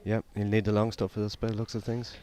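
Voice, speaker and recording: A man with a very deep voice speaks as a guest on a sports commentary. He explains things conversationally, in a plain and matter-of-fact manner. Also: monotone, fast talker, warm tone, slight background noise. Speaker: guest co-commentator explaining his own product.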